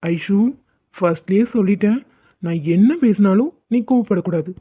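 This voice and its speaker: A woman's voice: mid-range voice, normal speed, slightly rough, no room sound, lightly acted. A woman voicing a teasing cartoon husband. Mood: coaxing. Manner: teasing, pleading, exasperated. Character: exasperated young husband, teasing. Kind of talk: animated comedy dub. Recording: tinny phone-like sound.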